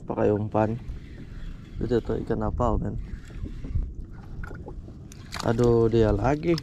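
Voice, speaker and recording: A young Malaysian fishing vlogger films himself from a kayak on the open sea, speaking slowly in a lowish voice, relaxed and chatty, often tacking "men" onto his phrases. An action camera on his body captures lo-fi outdoor audio with clear wind and water noise.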